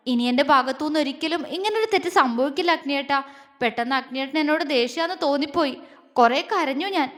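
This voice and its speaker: A woman voicing a feisty, sharp-tongued young woman in an audio story who snaps back quickly. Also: high voice. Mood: tearful. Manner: fiery, quick retorts, turns tearful.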